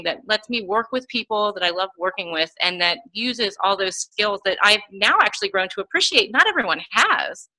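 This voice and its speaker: A woman's voice: mid-range voice, sharp tone, poor audio. A woman guest in an interview, a lawyer and coach, talking energetically and laughing often, with a slight frog in her throat. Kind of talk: interview conversation.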